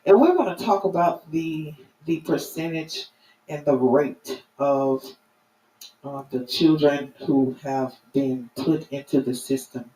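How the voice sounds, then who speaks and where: A middle-aged or older woman, hosting a live stream in an earnest, halting, emphatic way. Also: low voice, mellow. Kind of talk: informal spoken commentary to viewers. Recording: roomy, distant mic, faint noise.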